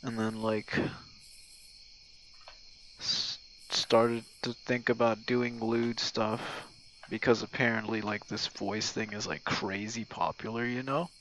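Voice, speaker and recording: This young man's voice is lowish and slow, with little pitch movement and a fairly bright tone. An audio roleplay creator and streamer, he rambles through a casual, profanity-heavy, self-mocking message to a gaming friend. The low-quality recording carries slight hiss or hum, plus crickets and night sounds.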